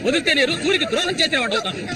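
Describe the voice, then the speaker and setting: A stern village father in a rage. His voice runs very high and swings widely as he shouts. The film score and a crowd can be heard behind him. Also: animated, racing. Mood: enraged. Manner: shouting, pleading then threatening. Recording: film soundtrack with music and crowd noise.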